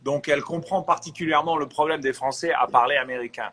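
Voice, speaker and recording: A man from France, an actor, chatting as an interview guest and giving lively advice. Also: a little high, fast talker, slight background noise. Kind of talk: casual interview chat.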